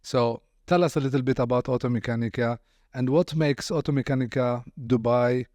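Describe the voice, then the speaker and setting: A man hosts a podcast interview in a middle-pitched voice, recorded close and dry with no room sound. He welcomes his guest and asks questions, sometimes restarting his sentences. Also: fairly even intonation, a little fast, no room sound. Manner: warm, welcoming, hesitant restarts. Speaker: podcast host.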